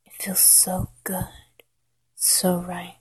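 A woman whispering a slow, coaxing guided hypnosis roleplay in a soft, intimate voice. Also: on the low side, completely flat delivery, slightly rough. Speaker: hypnosis narrator.

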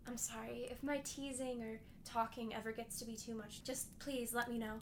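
A woman playing a playful hermit woman who tends a wounded man, talking gently and often dropping into a half-whisper. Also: fairly high pitch, little pitch movement, moderate pace, slight background noise, natural voice. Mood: teasing. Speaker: audio roleplay performer. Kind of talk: audio roleplay addressed to the listener.

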